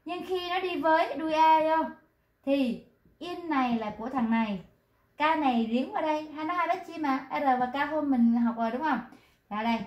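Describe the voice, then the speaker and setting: A woman teaching Korean pronunciation in an online class, patiently repeating words slowly to model them. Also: high-pitched. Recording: roomy echo.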